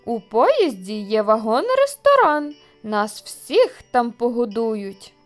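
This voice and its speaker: A woman's voice: a little high, huge pitch swings, slow, soft background music, exaggerated voice. A woman voicing a bossy wise owl. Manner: commanding, explaining.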